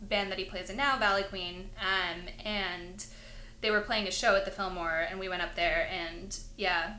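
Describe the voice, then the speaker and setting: A woman's voice: mid-range voice, fairly even intonation, moderate pace, bright, forceful tone, slight background noise. A young woman from London raised in Los Angeles, chatting as a musician guest, rambling with lots of "like" and frequent giggles. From born in London, raised in Los Angeles. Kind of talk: casual interview chat. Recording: echoey room with faint ambience.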